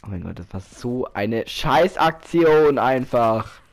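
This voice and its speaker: A man commentating his own match while playing, excitable, often exclaiming and laughing. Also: medium pitch, slow pace. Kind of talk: casual gaming commentary.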